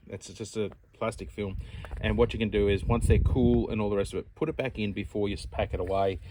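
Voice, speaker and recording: A man hosting an outdoor channel, casually demonstrating a camp stove in a relaxed, rambling, chatty way. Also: on the low side, noisy background.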